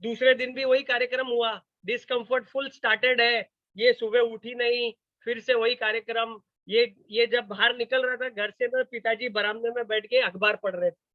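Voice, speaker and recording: High-voiced man telling a story. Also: normal speed, dry recording, phone-quality sound. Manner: animated storyteller acting out quoted voices. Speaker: motivational speaker. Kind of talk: storytelling talk.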